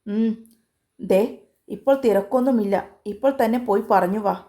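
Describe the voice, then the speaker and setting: A young woman in a storybook tale who holds back her own heartbreak as a woman voices her. She speaks quietly and with restraint, in a mellow, dark voice. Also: medium pitch, moderate pace, natural voice. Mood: calm.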